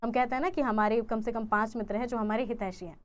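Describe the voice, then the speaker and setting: A young woman teacher runs an exam-prep grammar lesson in a fairly high voice. She keeps quizzing her viewers and repeats each answer choice as a question. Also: steady tone, fast.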